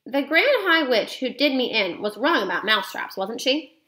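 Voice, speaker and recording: Woman reading a high, bright mouse boy, keen and quick. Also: heavily acted. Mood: excited. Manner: eager, excitable. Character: young boy turned into a clever mouse.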